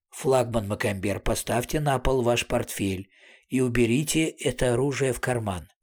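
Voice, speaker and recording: A man voicing a stout, ruddy, grey-haired older doctor with a pleasant velvety voice, unhurried and amused. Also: medium pitch, breathy edge, heavily acted.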